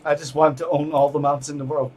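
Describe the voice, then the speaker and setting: An older man from Hawaii, chatting casually and haltingly while streaming a game from his home computer. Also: fairly high pitch, breathy edge. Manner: halting, restarts mid-sentence, relaxed. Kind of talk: casual live-stream chat while gaming.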